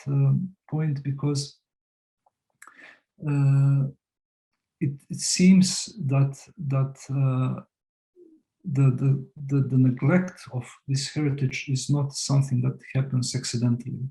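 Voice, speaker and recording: Tired, gravelly man from Serbia. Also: dark tone, rough recording. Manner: halting, many restarts and fillers, low energy. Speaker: guest speaker. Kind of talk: academic presentation.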